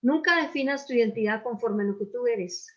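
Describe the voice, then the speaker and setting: An older woman pastor speaking in a slightly high voice, weaving personal stories into her sermon. She keeps asking her listeners questions. The sound is muffled and lo-fi. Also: fairly quick, a bit bright. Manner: earnest, personal storytelling with rhetorical questions. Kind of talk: sermon dialogue.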